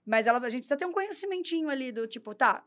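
A woman who teaches French, talking in quick, lively bursts. Her voice sits a little high. The talk is a casual, enthusiastic chat.

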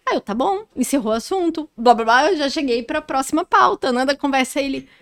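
High-voiced Brazilian woman telling a story. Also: animated, dry recording, clean studio sound. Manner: personal storytelling, halting restarts. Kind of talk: casual podcast conversation.

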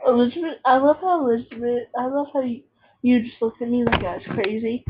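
A woman's voice: on the high side, a little fast, background noise. A young woman rambling and teasing a friend in casual chat at home, on a dull lo-fi recording. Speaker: vlogger.

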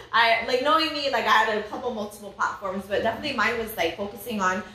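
High-voiced Hawaiian woman chatting casually. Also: fast talker, sharp tone. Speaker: pageant director and titleholder, guest. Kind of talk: casual interview chat. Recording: echoey room with faint noise.

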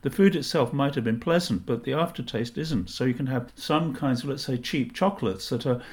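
A man's voice: medium pitch, a little fast. A man giving a live online lecture over a video call, talking conversationally with frequent fillers and restarts.

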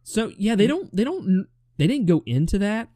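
A man co-hosting a casual movie review chat, relaxed and opinionated, often restarting his sentences. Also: high voice, moderate pace, no echo, clean studio sound.

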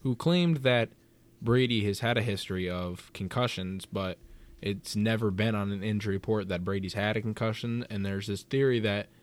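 Laid back guy chiming in on a chat show, lowish voice. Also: moderate pace. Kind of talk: casual chat.

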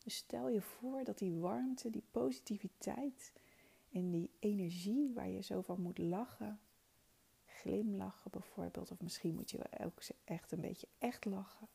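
A woman guides a meditation in a soft spa whisper. Her voice is very slow and mellow, with a breathy, gentle delivery that stays soothing throughout. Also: mid-range voice.

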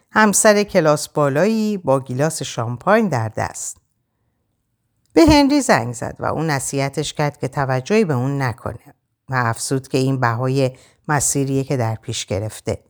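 A woman narrating an audiobook in an expressive, measured way. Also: low voice.

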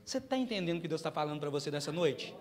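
A Brazilian man preaching a sermon as pastor in a church, emphatic and building to loud passages. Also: on the high side, animated, racing. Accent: Brazilian Portuguese. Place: church hall. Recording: long hall reverb.

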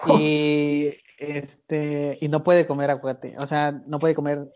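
Chatty Mexican man, somewhat high voice. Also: monotone, slow pace, darkish tone. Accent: Mexican Spanish. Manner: chatty, hesitant fillers, laughs often. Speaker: podcast host. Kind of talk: casual chat. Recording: lo-fi recording.

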